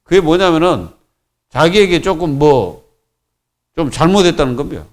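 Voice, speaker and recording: Male pastor, fairly high and very animated pitch, conversational sermon delivery, lots of fillers. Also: moderate pace. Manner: colloquial preaching with many fillers and repetitions. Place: church.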